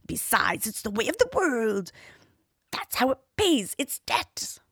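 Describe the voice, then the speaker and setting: A woman's voice: fairly high pitch, sing-song, slow pace, a bit bright, dry recording, studio quality, pitched above the performer's own voice, exaggerated voice. A woman voicing a greedy, ravenous old male dragon in a whispered storybook reading. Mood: wry. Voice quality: whispery, breathy.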